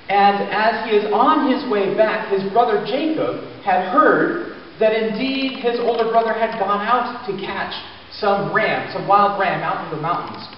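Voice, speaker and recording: High-pitched guy preaching from far back in a big echoey church, kinda dull lo-fi sound. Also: slight background noise. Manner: retells a Bible story in casual everyday words, asking the congregation questions. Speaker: pastor. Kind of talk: storytelling sermon. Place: church sanctuary. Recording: echoey hall, distant mic, dull sound.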